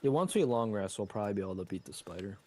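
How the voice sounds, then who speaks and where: A man's voice: lowish voice, rapid-fire. A young man casually talking through a co-op game, rambling with fillers. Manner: relaxed, rambling with fillers and hedges. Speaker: gamer co-op player. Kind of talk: casual gameplay chat.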